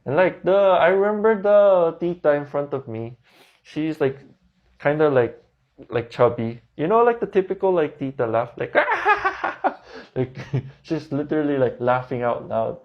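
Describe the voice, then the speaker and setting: A man's voice: on the high side, big pitch swings, a little slow, dull audio. A young man with a Korean accent tells a story in a casual way. He laughs often, drops Tagalog words into his talk and says "like" a lot. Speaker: vlogger.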